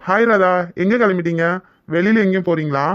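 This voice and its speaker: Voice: medium pitch, fast, dry recording, muffled recording, lightly acted. A voice actor playing a young man in a cartoon who is protective of the woman he loves, teasing and possessive by turns. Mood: curious. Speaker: cartoon character. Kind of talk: Tamil cartoon voice acting.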